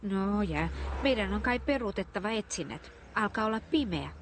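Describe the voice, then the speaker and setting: A woman's voice: mid-range voice, animated, a little hiss or hum, close to an everyday voice. A woman voicing a weary, hard-of-hearing toy telephone who speaks in a tired, resigned way.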